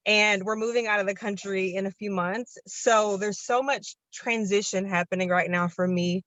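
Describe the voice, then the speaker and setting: A woman's voice: mid-range voice, a bit bright, no echo, lo-fi sound. A young woman, out of breath, sharing a long-winded, earnest and enthusiastic testimonial on a video call. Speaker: program participant.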